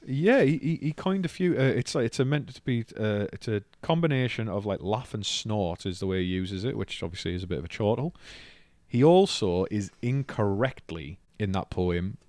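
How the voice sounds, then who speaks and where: North east english bloke rambling through some history on a podcast, lowish voice, dead dry sound. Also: male voice, expressive, moderate pace, a little mellow, no room sound. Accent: North East England. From North East England. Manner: rambling storyteller, swears casually, jokes in silly voices. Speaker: comedian podcast co-host. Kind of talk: casual podcast chat.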